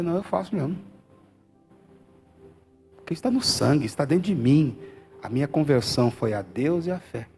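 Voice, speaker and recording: A male pastor with a Brazilian Portuguese accent preaching a fervent sermon in a church, swinging from quiet talk to loud calls and asking for amens. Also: on the high side. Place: church hall.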